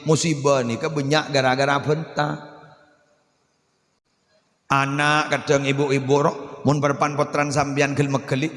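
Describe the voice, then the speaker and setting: A man preaching a sermon in a lively, joking manner, often acting out voices. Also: mid-range voice, a little slow, long pauses. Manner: animated, joking, playacting quotes. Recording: echoey hall with long reverb.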